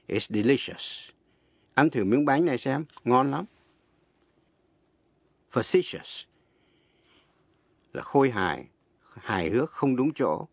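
A man gives a bilingual English lesson over the radio, moving unhurriedly and spelling out each word one letter at a time. His voice sits at an ordinary middle pitch. The recording is close and dry, with the dull, narrow sound of an old broadcast. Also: vocal fry, no echo. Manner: slow, careful, spells letter by letter. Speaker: English language teacher on radio.

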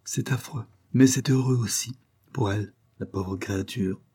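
A man's voice: mid-range voice, normal speed, warm tone, breathy edge. A man voicing a haughty, scornful aristocratic countess, cold and cutting toward her son in a storybook reading.

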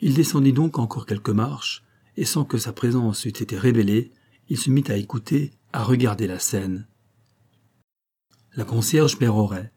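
A man narrating a novel as an audiobook in a steady, deliberate reading style. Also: medium pitch, slightly rough.

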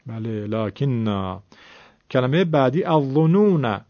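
A man's voice: medium pitch, lively intonation. A man teaching recitation rules in a patient, step-by-step way, saying each example word aloud to show how it sounds. The recording is dry and close with no room echo. It sounds slightly muffled, as if the top end is missing. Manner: explains rules step by step, models pronunciations. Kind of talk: instructional lesson.

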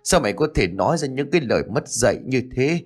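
A man's voice: mid-range voice, animated, normal speed, natural voice. A man voicing a poor elderly village mother, tearful and trembling as she pleads and scolds. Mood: outraged.

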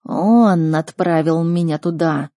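Woman voicing a slow, grave male snow leopard. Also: low voice, dark tone, dry recording, studio quality. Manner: slow, heavy, deliberate speech.

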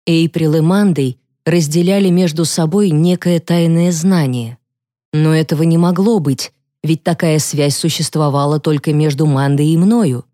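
A woman narrating a psychological thriller audiobook in the first person with a steady, measured reading. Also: low voice, dry recording, studio quality.

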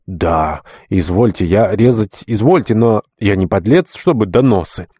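A man voicing a flustered, excitable schoolteacher in an audiobook reading, blurting agitated, tongue-tied outbursts. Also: on the low side, measured pace, slightly rough, no room sound, clean studio sound.

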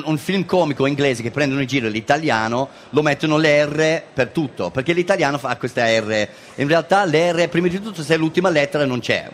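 A man's voice: medium pitch, a little hiss or hum. Man with an English accent speaking Italian. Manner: playful, mixes English into Italian, acts out sounds. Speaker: English teacher guest. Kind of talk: casual radio chat.

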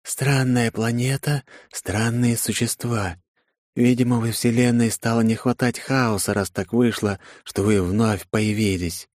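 A man's voice: medium pitch, fairly even intonation, measured pace, a little mellow, dry recording, studio quality, voice pushed up, lightly acted. A man voicing a proud female lizard warrior, speaking in a terse, cool, determined way. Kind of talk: audiobook character voice.

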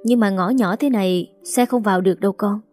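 A woman voicing a stubborn young father who answers in curt, clipped lines, with soft music behind. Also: medium pitch, a little fast, close to an everyday voice.

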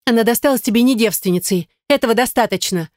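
A desperate, scheming young woman squeals and shrills her lines in a raised, piercing pitch, as a woman reader puts her on. Jealous and frantic, she pleads one moment and accuses the next. It is an audiobook character voice, recorded close and dry. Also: fast talker, darkish tone, no room sound, natural voice. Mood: insistent.

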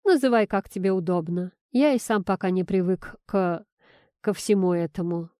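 A woman's voice: lowish voice, moderate pace, mellow, no echo, studio quality, lightly acted. A woman reading the part of a flustered, well-meaning father who is new to parenting and jokes at his own expense. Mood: earnest. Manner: wry, sheepish, self-deprecating.

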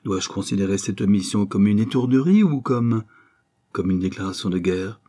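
A man voicing a haughty, sharp-tongued young sister in a read novel, with cutting, curt replies. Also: lowish voice, expressive, moderate pace.

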